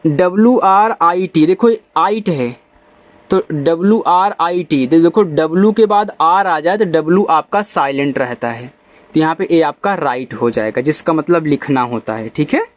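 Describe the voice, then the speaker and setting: Brief: male phonics teacher, high voice, patient step-by-step explaining, slow spelling. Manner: explains step by step, spells letters out slowly, repeats and asks the class questions. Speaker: English teacher. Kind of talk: spoken phonics lesson.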